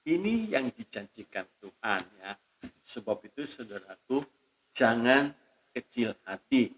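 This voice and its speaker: A man preaching a sermon as pastor, emphatic, dropping to soft asides and swelling loud on key lines, calling out hallelujah to his congregation. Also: mid-range voice, measured pace, poor audio. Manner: addresses the congregation as saudaraku and calls out hallelujah.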